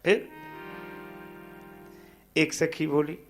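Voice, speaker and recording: A man telling a devotional story and moving between recited verses and spoken narration, with an expressive delivery. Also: a little high, drawn-out words, soft background music.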